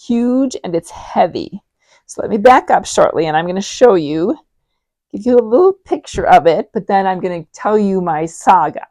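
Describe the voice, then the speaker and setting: A woman's voice: medium pitch, darkish tone, no echo. A woman in her forties hosting a knitting podcast, chatting casually with frequent ums and restarts. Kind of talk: casual show-and-tell chat.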